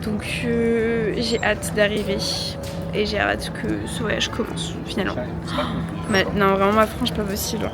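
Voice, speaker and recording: Loud music backs a young woman's casual to-camera vlog chat in a noisy airport, where she jokes, uses slang and many fillers, and sounds tired from her trip. Her medium-pitched voice stays level and a little slow.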